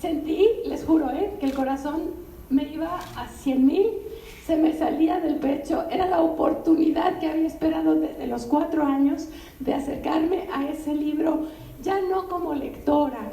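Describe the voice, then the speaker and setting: An older woman, a literary translator giving an animated, conversational talk and often turning to the audience with asides. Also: sits high, normal speed. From Mexico. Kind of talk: anecdotal public talk. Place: bookstore event room. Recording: roomy, distant, faint ambient noise.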